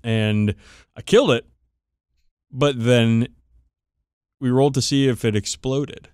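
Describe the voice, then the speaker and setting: Swearing freely, a male podcast co-host spins animated tabletop-game tales in relaxed conversation with friends. His medium-pitched voice is smooth and slow, captured dry with clean studio sound.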